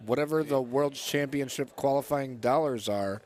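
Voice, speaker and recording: A man's voice: medium pitch, moderate pace, a little mellow. A man co-commentating on a golf tournament in a casual, chatty way, with informal and opinionated banter.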